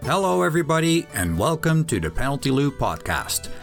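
Man, podcast co-host, casual chat, halting delivery, fry in the voice. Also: a little high, big pitch swings, faint music behind. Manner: easygoing, halting with frequent pauses.

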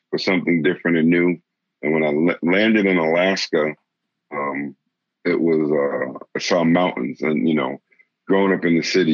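A man from the area, telling a story in casual conversation, halting with many restarts and laughing now and then. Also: very deep voice, no echo. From Boston area, Massachusetts. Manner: laughs while telling stories. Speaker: interviewee. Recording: dull lo-fi sound.

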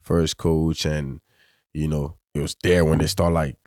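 A man's voice: very deep voice, flat delivery, a little slow, mellow, dry recording, clean studio sound. A young man with a West African accent, chatting casually as a podcast guest in a laid-back, slangy way, dropping "bro" constantly. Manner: laid-back, slangy, says "bro" and "you know what I'm saying" constantly. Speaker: pro soccer player, guest.

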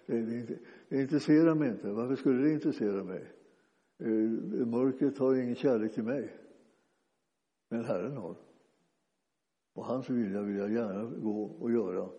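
A male preacher with a very dark, mellow voice gives an informal, conversational sermon. He talks haltingly, restarting phrases and filling pauses as he goes. The recording is dull and lo-fi, with a long reverb tail. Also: mid-range voice.

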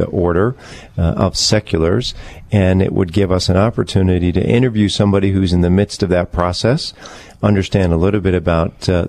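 A man hosting a radio interview in a studio, talking in a measured way with many fillers. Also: low voice, a little mellow, no echo. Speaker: radio show host.

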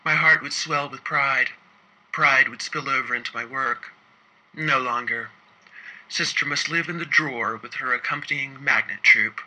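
A man telling a wry first-person story about his work as an inspector, moving between quick asides and slow, emphatic phrasing. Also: mid-range voice, pushed and bright, rough recording.

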